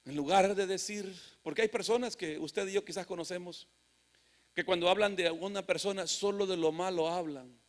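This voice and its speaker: A male pastor delivers a sermon in a church sanctuary. His voice sits notably high for a man. He builds from steady scripture reading to fervent, emphatic declarations. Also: normal speed.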